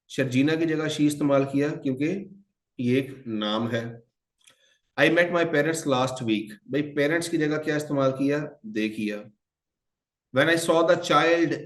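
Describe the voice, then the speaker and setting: Man, online grammar lecture, medium pitch, switches between Hindi-Urdu and English, asks rhetorical questions, echoey. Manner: addresses students as children, asks and answers his own questions. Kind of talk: online exam-prep lecture.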